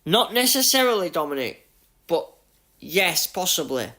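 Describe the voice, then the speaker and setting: Big swings in pitch mark the bright, forceful voice of a young Yorkshire streamer, a touch high for a man, who chats unhurriedly with his audience while playing a racing game. Chatty and jokey, he greets people in chat by name, laughs often and makes fun of his bad luck in easy, matey talk.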